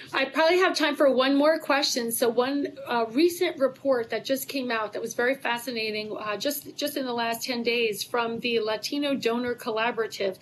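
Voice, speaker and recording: A woman's voice: on the high side, slight background noise, low-quality recording. A woman who is an HR leader, asking a guest friendly, prepared interview questions. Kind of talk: corporate interview.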